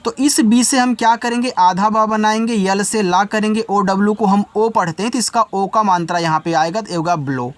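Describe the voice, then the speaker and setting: A man teaches English spelling in a light, high-pitched voice. He reads each word out letter by letter, then says its meaning again and again. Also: moderate pace, few pauses, no echo. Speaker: English tutor. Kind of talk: spelling and reading lesson.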